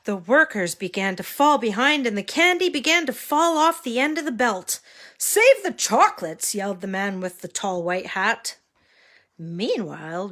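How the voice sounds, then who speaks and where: A woman reading a picture book aloud to a toddler, expressive and sing-song, pausing to ask the child simple questions. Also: medium pitch.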